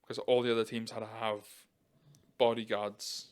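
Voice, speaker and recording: A man's voice: lowish voice, flat delivery, moderate pace, smooth. A young man co-hosting a podcast in casual chat, with teasing, laid-back banter. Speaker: podcast co-host.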